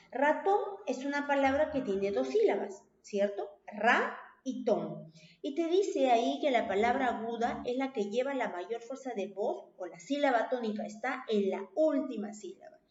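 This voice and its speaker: A woman's voice: fairly high pitch, darkish tone, lo-fi sound. Patient woman teacher in a roomy recording. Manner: patient, repeats points with tag questions. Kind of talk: recorded online class.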